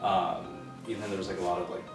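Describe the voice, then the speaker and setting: Flat-voiced man in his twenties. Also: low voice, fast. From Southern California, USA. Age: 20s. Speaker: interviewee. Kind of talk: casual interview. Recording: roomy sound from a distant mic with music.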